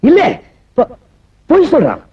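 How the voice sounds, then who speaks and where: Brisk courtroom prosecutor, quick questions, heard from afar, dull audio. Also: male voice, high-pitched, lively intonation, husky, distant mic. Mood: insistent. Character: public prosecutor, brisk and insistent.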